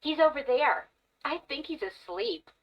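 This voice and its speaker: An actress in a scripted textbook listening dialogue, speaking slowly and clearly as a woman answering about classmates. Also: high-pitched, animated. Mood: matter-of-fact. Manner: slow, careful, clearly articulated. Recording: dull audio played back from far off.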